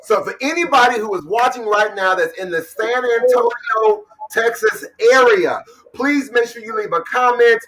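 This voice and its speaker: An energetic man hosts a livestream show, greeting viewers by name and urging them to shout out their schools. His voice sits high and sounds bright and forceful. He is a little far from the microphone. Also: moderate pace, a little hiss or hum. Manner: energetic, hypes up viewers, calls out names. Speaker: talk show host. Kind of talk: lively livestream hosting.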